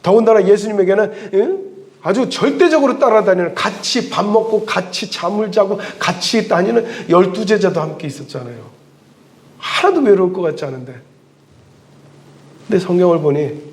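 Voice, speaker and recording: A man preaching a sermon as a pastor in church, telling the story with animated delivery and dramatic pauses. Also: high-pitched.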